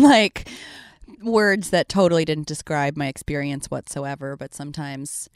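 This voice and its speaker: A woman's voice: deep voice, no echo, clean studio sound. A woman in her thirties, a podcast guest, talking animatedly and laughing at her younger self. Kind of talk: casual chat.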